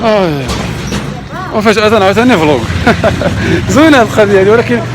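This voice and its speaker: A man with a Moroccan Darija accent, vlogging outdoors with friends, excitable and teasing, laughing often. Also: high-pitched, quick pace, loud music behind the voice. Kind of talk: casual vlog with friends.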